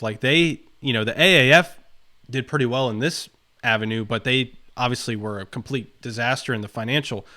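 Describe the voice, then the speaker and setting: Man co-host, mid pitch, long reflective rambles, casual sports talk, call audio. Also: fairly bright tone. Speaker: podcast co-host.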